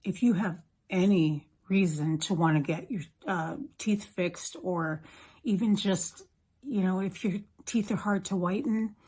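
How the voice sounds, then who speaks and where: Husky woman with a slight lisp. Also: on the low side, measured pace, mellow. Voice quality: slight lisp from new veneers. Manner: pleased, informal, reassuring. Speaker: product reviewer. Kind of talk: casual chat to camera.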